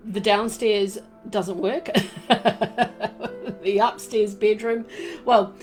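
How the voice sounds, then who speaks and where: A woman with a New Zealand accent hosting a casual live stream from home, rambling warmly with many fillers and lots of "fabulous" and "beautiful". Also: mid-range voice. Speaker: crystal and essential oil live-stream host. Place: home room. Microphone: desk microphone she turns around.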